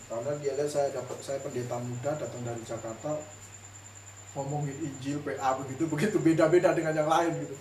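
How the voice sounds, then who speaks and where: A man's voice: mid-range voice, fairly even intonation, brisk, darkish tone. A male pastor giving a casual, chatty sermon, telling stories with laughing asides. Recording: echoey room, distant mic, faint noise.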